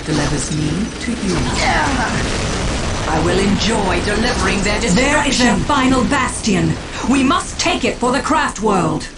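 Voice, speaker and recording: A woman's voice: medium pitch, expressive, moderate pace, close to an everyday voice. A woman playing a proud alien seer in a video game, speaking in formal, cryptic, coldly foreboding prophecy. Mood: commanding. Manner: portentous, formal prophetic phrasing. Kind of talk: scripted video game unit voice lines. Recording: game audio under loud music.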